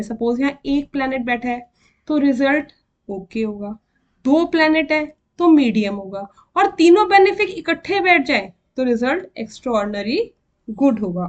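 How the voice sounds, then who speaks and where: A woman with an Indian accent teaching astrology in a slow, deliberate way, counting out and repeating terms as she explains. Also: high-pitched, dull audio. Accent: Indian English mixed with Hindi. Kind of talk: explanatory lesson.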